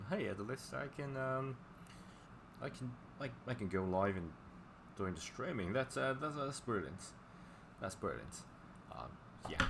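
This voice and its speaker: A low-voiced man whose mother tongue is Chinese teaches language on a livestream, speaking casually and haltingly and often circling back over the same words. Clear background noise runs throughout the audio.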